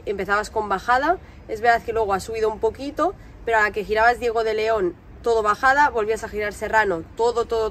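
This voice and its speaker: A woman's voice: mid-range voice, a little hiss or hum. A woman in her twenties with a Spanish accent from Spain, giving a casual recap to a camera outdoors. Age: 20s. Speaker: vlogger and amateur runner. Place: outdoors by parked cars on a street.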